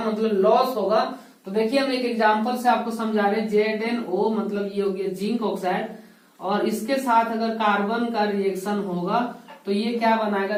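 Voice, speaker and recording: A woman's voice: medium pitch, a little mellow. A woman teaching a school chemistry lesson, explaining step by step and asking rhetorical questions. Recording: echoey room, voice heard from a distance.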